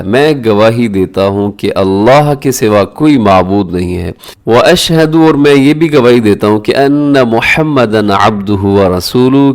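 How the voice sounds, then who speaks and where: A man teaching prayer recitation, chanting the words slowly and drawn out, then explaining pronunciation in quick asides. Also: on the low side, clear, resonant tone. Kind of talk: instructional recitation lesson.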